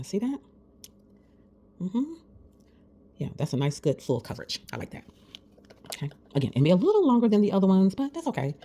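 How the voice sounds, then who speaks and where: Low and dark in tone, this woman's voice carries a casual nail tutorial. She's a vlogger who keeps encouraging her "besties" warmly, all while hiccuping.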